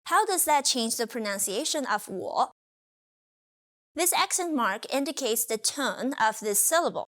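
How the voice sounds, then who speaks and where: Woman, language teacher, slow and careful, bright, slightly high voice. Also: lively intonation. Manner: slow, careful, demonstrative delivery. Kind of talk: scripted pronunciation lesson.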